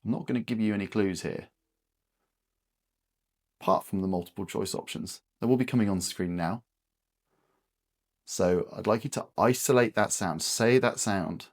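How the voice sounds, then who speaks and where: A man guiding aphasia word-finding exercises as a speech therapist, speaking patiently and encouragingly with pauses. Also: fairly low pitch, no echo, clean studio sound.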